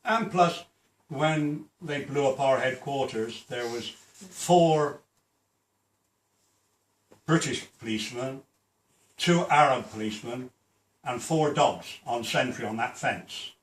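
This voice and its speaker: A man's voice: medium pitch, slow, pauses often. An older man, a former policeman, answering audience questions in a plain, matter-of-fact way at a public talk. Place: hall. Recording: echoey hall, voice from far off.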